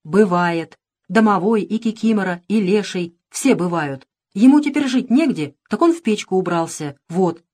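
A woman reading an audiobook and voicing a stubborn village boy who talks bluntly and gruffly. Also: mid-range voice, lively intonation, normal speed, darkish tone, close to an everyday voice.

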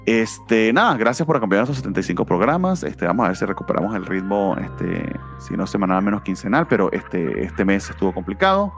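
A man co-hosting a casual comics podcast, rambling and filling pauses with hesitations. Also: fairly low pitch, very animated, gravelly, faint music behind. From not from Mexico, now naturalizing. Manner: rambling, many "este" fillers. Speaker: podcast co-host. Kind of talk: casual chat about comics.

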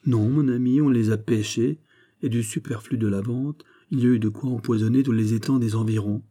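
A man's voice: medium pitch, steady tone, brisk, dark tone, lightly acted. A man voicing Porthos, a proud plump nobleman, speaking in a mournful, earnest way. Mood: gloomy.

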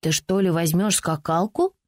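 A woman's voice: on the low side, moderate pace, darkish tone, no room sound, clean studio sound, natural voice. A woman reading an audiobook voices a five-year-old neighbour girl who taunts in blunt, slangy speech. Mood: mocking. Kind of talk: audiobook character voicing.

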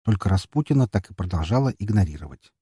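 A man reading a first-person audiobook story with expressive narration. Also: sits low, quick pace, breathy edge, no room sound, studio quality.

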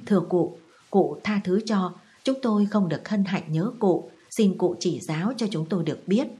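A woman's voice: on the low side, normal speed, dark tone, close to an everyday voice. A woman voicing a young male schoolteacher who speaks with deferential, very formal politeness.

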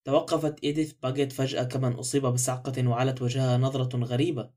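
A man narrating a mystery novel as a spoken book, telling the story in a steady, even manner. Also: mid-range voice, fast. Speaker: audiobook narrator. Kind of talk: scripted narration.

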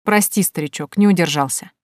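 A smug young charmer talks in a wheedling, needling way, read by a woman narrator. The voice sits low, and the recording is dry and close, with no room sound. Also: fairly quick, dry recording, lightly acted. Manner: wheedling, then bitter and shouting.

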